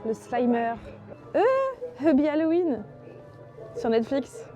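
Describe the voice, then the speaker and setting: A woman's voice: high voice, slow, music in the background. A woman narrating a casual travel vlog in a chatty, enthusiastic way, with many fillers. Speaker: travel vlogger.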